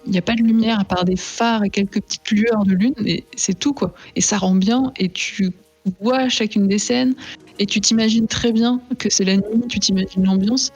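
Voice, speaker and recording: A woman reviewing comics on a podcast, in measured and casual chat with some slang. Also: mid-range voice, darkish tone, slightly rough, highs cut off.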